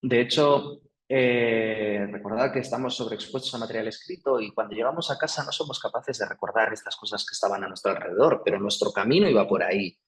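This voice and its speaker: Speaking in a lowish voice at a fairly quick clip with few pauses, a Spanish guest lecturer with a Peninsular accent patiently works through an academic lecture. He keeps saying "eh" and checking in with "¿sí?", and the audio quality is poor.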